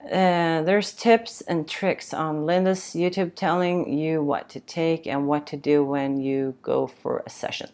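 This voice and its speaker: Slow-talking low-voiced woman. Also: fairly even intonation, darkish tone. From Sweden. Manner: rambling, many fillers and restarts. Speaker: tattoo livestream host. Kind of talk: casual livestream chat reading comments.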